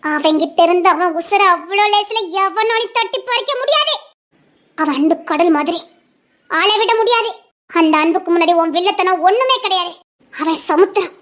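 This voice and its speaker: A woman's voice: extremely high pitch, lively intonation, normal speed, a bit bright. A woman with a Tirunelveli accent playing a devoted young heroine in a dramatic serial, speaking with heartfelt, defiant conviction. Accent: Tirunelveli Tamil. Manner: defiant, then sorrowful and pleading.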